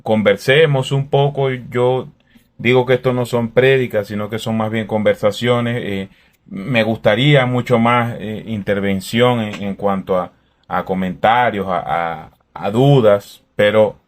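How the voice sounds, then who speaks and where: Calm man reflecting on faith. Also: mid-range voice, a little slow. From Venezuela. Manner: calm, thoughtful, conversational.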